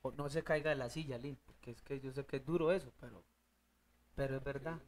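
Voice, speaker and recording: A Bible teacher leading a study group, emphatic, putting questions to the audience and answering them, with loud rising bursts. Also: medium pitch, fairly even intonation, a little fast, slight background noise.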